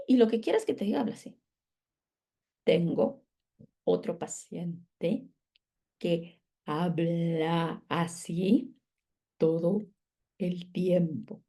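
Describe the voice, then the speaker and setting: A woman speech therapist delivers a conference lecture in a mellow, warm voice. She explains step by step in a patient tone and often pauses to check that her listeners are following. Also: medium pitch.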